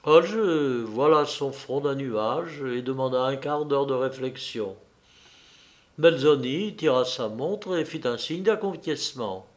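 A man narrating a story aloud with expressive, theatrical delivery. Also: mid-range voice, slow. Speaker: reader. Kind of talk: audiobook narration.

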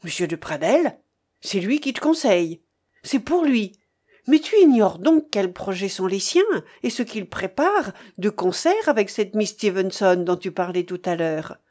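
A woman reading an aging aristocratic father in an audiobook, speaking gravely with anguished, indignant outbursts. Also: mid-range voice, big pitch swings, a little slow, darkish tone. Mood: bitter.

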